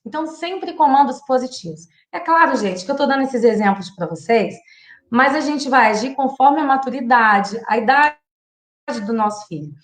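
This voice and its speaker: With a high, lively voice at a moderate pace, a Brazilian woman in her thirties offers parenting tips as a psychologist during a live stream. Her accent is Brazilian Portuguese, the room is echoey, and she's chatty and direct, performing example lines meant for kids.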